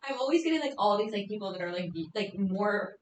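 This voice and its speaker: A woman hosting a casual interview chat, agreeable and quick to laugh. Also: medium pitch, expressive, roomy sound, recorded from a distance, background noise. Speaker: podcast host.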